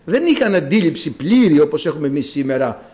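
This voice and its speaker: A man preaching a sermon as a priest, with dramatic rises and drawn-out words. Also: a little high, very animated, darkish tone.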